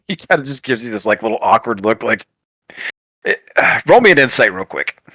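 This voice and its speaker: A man narrating as game master of a tabletop game, quick and playful, often laughing. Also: mid-range voice, very animated, sharp tone, no room sound.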